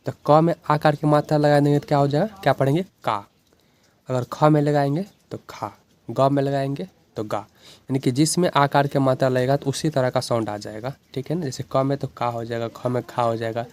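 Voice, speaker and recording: A man's voice: mid-range voice, darkish tone. A man with a Bihari Hindi accent, in a mid-range voice, teaches a beginner's lesson. He explains step by step in a patient, repetitive way and keeps checking that the viewer is following along. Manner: patient, repeats "ठीक है ना" often.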